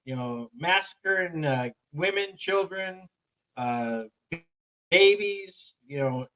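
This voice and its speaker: A man co-hosting a live-stream podcast, talking in a halting, emphatic way with many fillers. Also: sits high, animated, pushed and bright, poor audio. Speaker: podcast co-host. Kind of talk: casual live-stream talk.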